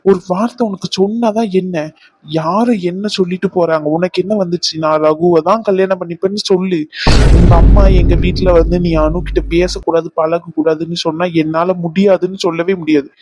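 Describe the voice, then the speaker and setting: A man's voice: high voice, fairly even intonation, brisk, darkish tone, slight background noise, close to an everyday voice. A man voicing an insistent, devoted young man in a cartoon, demanding answers. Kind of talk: cartoon voice acting.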